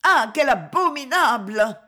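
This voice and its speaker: A young widow in terror and revolt, as a woman narrator acts her out, her voice pitched high, hoarse and trembling. She cries out her lines with raw desperation, the sound of a dramatic audiobook scene. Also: very animated, unhurried. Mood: horrified.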